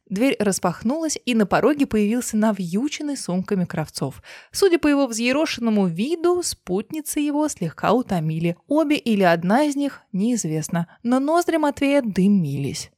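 A woman narrating an audiobook with a steady, expressive reading. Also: fairly high pitch, normal speed, hardly any pauses, dry recording, studio quality.

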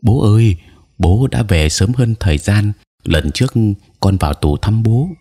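A man's voice: on the low side, lively intonation, a little slow, dark tone, breathy edge, pitched above the performer's own voice, heavily acted. A man voicing a curious, sulky schoolboy son in an audio story, with a whiny, pleading manner. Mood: eager.

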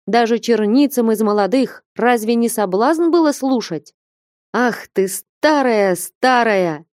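A woman's voice: mid-range voice, darkish tone, no echo, natural voice. A woman reading aloud and voicing a stern, fiery old abbess who scolds and commands in a raised voice. Dry, close sound.

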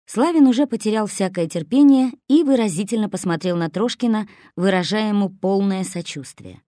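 A woman narrating a story, reading aloud in a lively, expressive way. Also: medium pitch, moderate pace, dry recording, clean studio sound.

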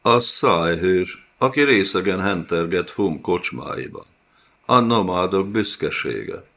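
A sneering, scornful fat warlord , put on by a male audiobook reader, with a raspy, throaty voice pushed higher and louder than the narration. He mocks everyone before him. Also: lively intonation, exaggerated voice.

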